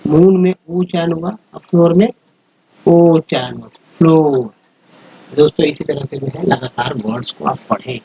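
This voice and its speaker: A man teaching English pronunciation, spelling out words letter by letter and repeating each sound slowly. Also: a little high, steady tone, creaky. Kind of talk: slow explanatory lesson. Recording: dull lo-fi recording with faint noise.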